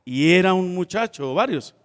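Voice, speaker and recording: High-pitched guy preaching, tells stories, does little voices, church reverb. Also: lively intonation, normal speed, smooth. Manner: storytelling with laughs and acted-out voices. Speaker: pastor. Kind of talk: sermon.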